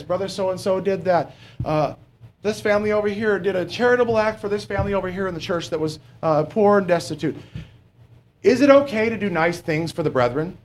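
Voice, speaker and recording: This sermon comes from a middle-aged man with a slightly high voice and an unpolished, plain delivery. Rhetorical questions aimed at his listeners alternate with frequent stops on fillers.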